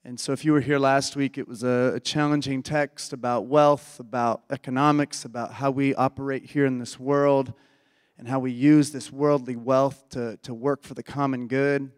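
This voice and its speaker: A man, a pastor whose voice is hoarse from illness, praying and preaching in an earnest, folksy way that often restarts phrases. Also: medium pitch, flat delivery, moderate pace. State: hoarse, losing his voice. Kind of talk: sermon with opening prayer. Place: church sanctuary. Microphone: handheld or stage mic. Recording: dry close mic with long hall reverb.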